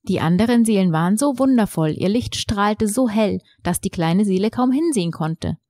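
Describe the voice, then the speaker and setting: A woman narrating a storybook in a calm, measured reading. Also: medium pitch, no echo, clean studio sound.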